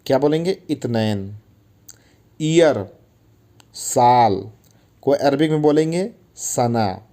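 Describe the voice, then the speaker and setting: A man's voice: medium pitch, expressive, takes it slowly, long pauses, mellow. A man teaching Arabic words in a casual, chatty way, often calling listeners brother and repeating each word for drilling. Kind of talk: casual spoken language lesson.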